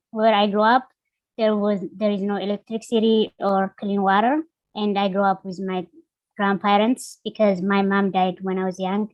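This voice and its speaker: A young woman from Ethiopia, a guest on an interview podcast, telling her life story in an earnest, halting way, with many fillers. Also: medium pitch, darkish tone, no echo, poor audio. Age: young adult. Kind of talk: personal storytelling.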